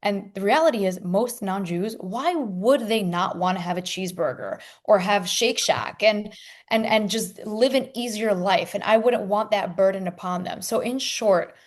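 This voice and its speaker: A young woman talks as an interview guest in a medium-pitched voice. Her delivery is informal and candid, like casual conversation. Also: normal speed. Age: young adult. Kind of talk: casual chat.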